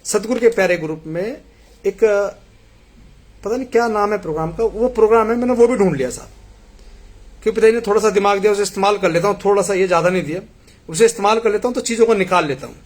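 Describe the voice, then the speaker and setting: A man with a fairly high voice hosts a live stream. He reads viewer messages aloud and answers them earnestly, arguing his point and speaking straight to his audience. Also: fast talker. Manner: earnest, argumentative, addresses viewers directly. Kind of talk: casual live commentary reading messages.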